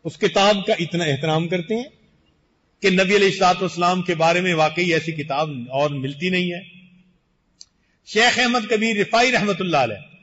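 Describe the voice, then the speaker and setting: An older man giving a measured, deliberate sermon as a Sufi sheikh, slowing for emphatic phrases. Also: sits high, a bit bright. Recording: muffled recording in a reverberant hall.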